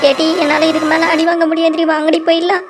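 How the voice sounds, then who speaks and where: A woman voicing a bold, bossy village woman in a cartoon, scolding and excitable. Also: extremely high pitch, fast. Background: music.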